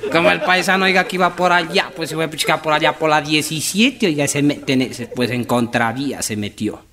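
A man's voice: on the high side, fairly quick, pushed and bright, slight background noise. A man with a Nariño Colombian accent telling regional jokes, chatty and full of little asides to the listener. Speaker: joke teller.

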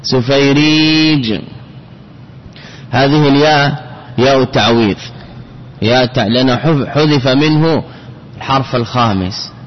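A man's voice: medium pitch, normal speed. A man teaching a classical Arabic grammar lesson, repeating words and spelling out patterns syllable by syllable. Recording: dull lo-fi recording with long reverb and faint noise.

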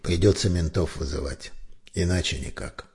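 A man voicing a gruff, blustering middle-aged boss of a criminal hideout. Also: low voice, moderate pace, a little mellow, exaggerated voice. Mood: gruff, practical.

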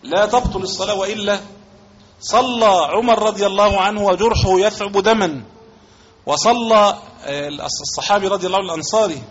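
A man's voice: high-pitched, slight background noise. A man with an Egyptian accent teaching a religious lesson. He reads passages aloud from a legal text and then explains them, repeating key phrases and giving examples. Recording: dull lo-fi recording.

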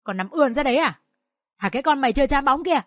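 A woman voicing a hot-tempered older village father who scolds harshly and yells. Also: on the low side, normal speed, slightly rough. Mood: raging.

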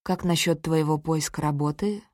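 A woman reading the part of a calm, kindly man who speaks in a soft, steady way. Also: sits low, normal speed, dry recording, studio quality, voice pushed down, lightly acted. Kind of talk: audiobook character reading.

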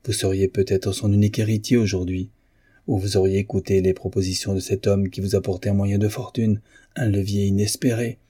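A bitter, ambitious wife reproaches her husband in a measured voice, as a male reader voices her in an audiobook. The voice stays low, dark and husky, close to the reader's own. Each line carries cold, resentful weight. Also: level tone, dry recording. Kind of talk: audiobook reading of a novel.

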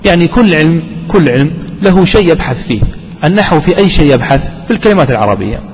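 A man with a fairly high voice teaches a grammar lesson. He keeps asking the class questions and then answers them himself. The recording is dull, and a long reverb rings around him in a lecture room. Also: animated, quick pace, husky.

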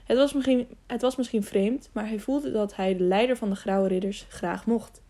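Calm woman narrating an audiobook. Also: medium pitch, normal speed. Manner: calm, even storytelling with small slips.

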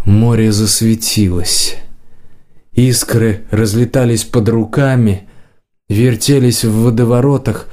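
A man narrating a fantasy audiobook in an even, measured reading. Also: medium pitch. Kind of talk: scripted narration.

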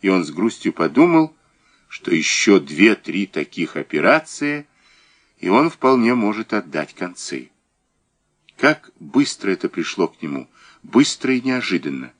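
Low-voiced man narrating an audiobook. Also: big pitch swings, a little slow, a bit bright.

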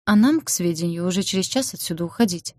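A reserved young woman, matter-of-fact and restrained, read by a woman in an audiobook. Her voice is low and mellow, recorded very dry. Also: lively intonation, fast talker, no echo.

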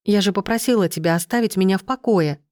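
A woman's voice: mid-range voice, quick pace, darkish tone, dry recording, studio quality, lightly acted. A woman voicing a young pregnant woman in a storybook, trembling and pleading. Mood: tearful.

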